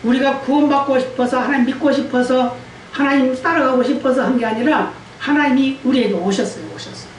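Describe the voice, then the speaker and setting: A woman's voice: high-pitched, fairly quick. Woman pastor preaching in an echoey church. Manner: quizzes the congregation and calls for amens. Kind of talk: Sunday sermon. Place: church sanctuary. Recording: echoey church hall, distant mic, faint hiss.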